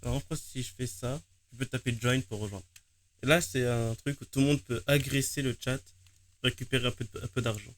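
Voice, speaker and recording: A man's voice: mid-range voice, steady tone, brisk, a little hiss or hum. A man streaming a game, chatting casually and joking with his viewers. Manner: chatty, self-mocking.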